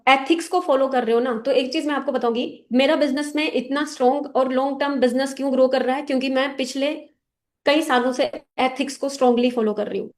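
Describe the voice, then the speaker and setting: Brief: a woman with a high voice leads a team meeting, firm and instructive, often checking everyone is following. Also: fairly even intonation, fast. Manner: direct and instructive, often checking listeners understand. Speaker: team leader addressing a business meeting. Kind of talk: motivational talk to a sales team.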